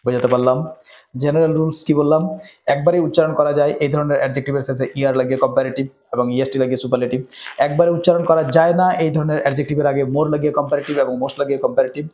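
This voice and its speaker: High-voiced man teaching grammar. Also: steady tone, darkish tone. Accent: Bengali. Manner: asks "right?" often, reads example sentences slowly. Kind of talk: explanatory lesson.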